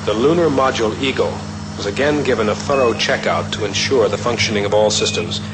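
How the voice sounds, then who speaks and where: Low-voiced male documentary narrator, noisy archival soundtrack. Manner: measured, formal.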